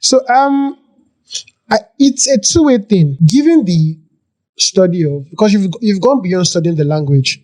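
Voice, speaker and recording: A man's voice: high voice, animated, a little slow, darkish tone. A man hosting a podcast interview, thoughtful and a little hesitant, repeating words as he gathers his thoughts. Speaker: podcast host.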